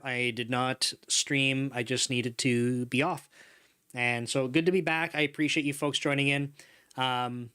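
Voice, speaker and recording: Seated in a neon-lit home studio with a couch, a thirtysomething livestream host chats on and on, laughs a lot and reads out messages from chat. His medium-pitched voice sounds smooth and a bit bright through the desk microphone placed in front.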